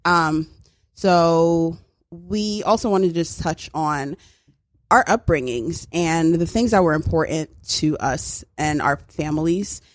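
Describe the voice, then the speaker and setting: A woman from Brooklyn co-hosting a casual podcast, playful and quick to laugh. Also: sits low, no echo, clean studio sound. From Brooklyn, New York. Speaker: podcast co-host. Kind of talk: casual chat.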